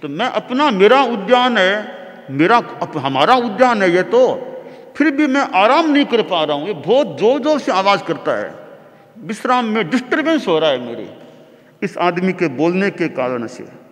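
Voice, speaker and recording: A preacher putting on a proud atheist king who fires off scornful, repeated questions. The voice sits high and swings widely in pitch, and it rings out with a long hall reverb. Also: very animated, normal speed, a bit bright. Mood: irritated. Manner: scornful, questioning, emphatic repetition. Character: proud skeptical atheist king, adult man.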